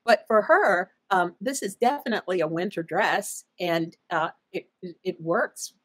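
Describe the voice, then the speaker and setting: A middle-aged woman co-hosting a casual fashion color chat, opinionated and halting, with frequent restarts and fillers. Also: lowish voice, breathy edge. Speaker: color analyst co-host.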